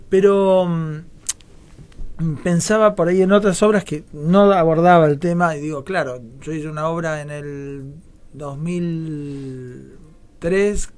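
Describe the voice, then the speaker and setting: In a reflective radio interview, the guest theatre director, a man with a Rioplatense Argentine accent and a slightly high voice, answers digressively and often checks in using tag questions.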